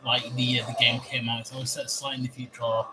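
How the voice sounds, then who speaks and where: A man's voice: mid-range voice, little pitch movement, quick pace. A man giving casual gaming commentary, explaining the series in a rambling, sweary way. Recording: clearly noisy background ambience.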